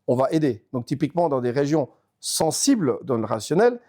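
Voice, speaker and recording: A Swiss man in an interview, talking about his network organization in quick, chatty bursts with lots of restarts. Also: mid-range voice, very animated, dark tone. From Switzerland. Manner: fast, talkative, many restarts and repeated words. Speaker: network organization regional leader. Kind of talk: casual interview talk.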